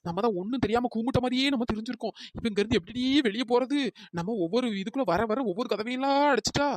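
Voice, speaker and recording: A woman's voice: fairly high pitch, very fast, slight background noise, lightly acted. A woman voicing a bold, quarrelsome young village woman in a cartoon. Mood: worried. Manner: loud, quarrelsome, defiant. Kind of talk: cartoon storytelling.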